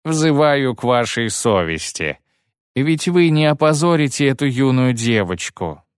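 A man voicing a whining, indignant older woman chaperone with a shrill manner. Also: very animated, a little slow, clean tone, no room sound, studio quality. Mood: pleading.

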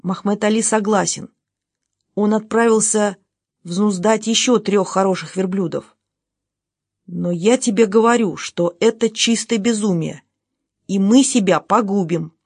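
A woman's voice: mid-range voice, unhurried, a little mellow, husky, no echo, studio quality. A woman reading a scolding desert guide. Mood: urgent. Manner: scolding, urgent.

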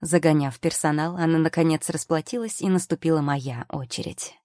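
A woman's voice: low voice, brisk, mellow, no room sound. A woman narrating an audiobook in the first person with a wry, ironic storytelling manner, recorded on a close studio mic.

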